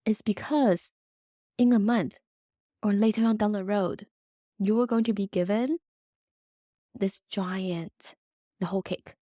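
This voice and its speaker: A woman voicing a gentle, all-knowing motherly cosmic spirit, speaking softly and reassuringly in a podcast monologue. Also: medium pitch, fairly even intonation, unhurried, pauses often, dry recording, studio quality, natural voice. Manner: soft, soothing, reassuring.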